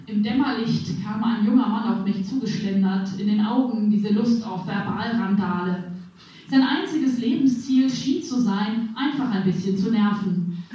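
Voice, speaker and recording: A woman in her forties reading her own humorous first-person column with a wry, deadpan delivery, in a dull, echoey, distant recording. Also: medium pitch, moderate pace. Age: 40s. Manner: wry, deadpan storytelling with playful voicing.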